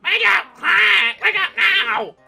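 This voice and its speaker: A woman's voice: very high-pitched, big pitch swings, takes it slowly, gravelly, faint music behind, pitched above the performer's own voice, exaggerated voice. A woman doing a squawking cheeky bird. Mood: shouting. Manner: squawking, shouting. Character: loud bossy bird, sharp-tongued.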